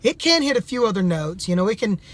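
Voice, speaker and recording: A man's voice: sits high, very animated, fast, a bit bright. A man speaking in a plain, folksy way as he gives a casual, slightly hesitant product demonstration. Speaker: amateur duck hunter reviewing calls.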